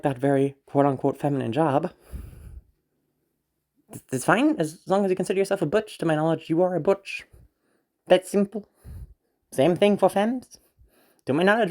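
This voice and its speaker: An audio roleplay creator, congested from being sick, rambles casually to viewers in an anxious, apologetic, giggly way and swears now and then. The voice is mid-range and a little mellow.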